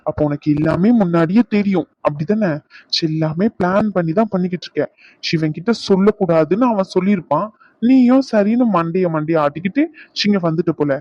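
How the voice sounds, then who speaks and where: A man's voice: sits high, a little fast, darkish tone, no room sound. A man voicing a jealous young husband in a dubbed cartoon, sarcastic and accusing, recorded lo-fi. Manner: accusing, sarcastic, repeats his demands. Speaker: cartoon voice actor.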